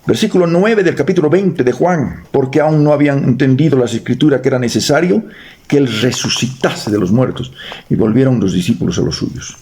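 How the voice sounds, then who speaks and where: Here a Bolivian-accented man delivers a church sermon, reading Bible passages, joking, and quizzing his listeners. His mid-range voice has a darkish tone and lively intonation, and his pace is a little fast.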